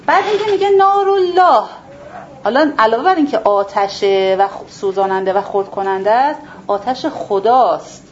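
A woman's voice: fairly high pitch, lively intonation. A woman teaching a Quran class to students, asking herself rhetorical questions and repeating words for emphasis. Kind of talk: explanatory religious lesson to a class. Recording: dull lo-fi recording with faint background noise.

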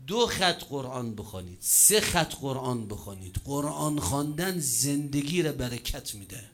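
A man preaching a sermon, telling a story with joking asides and sudden shifts in pace and loudness. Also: mid-range voice, very animated.

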